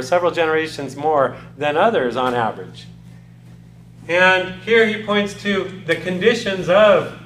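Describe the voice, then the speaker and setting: With slight background noise behind him, an American man lectures a college class in a casual style, asking students questions and using plenty of fillers. His voice is fairly high-pitched and a bit bright.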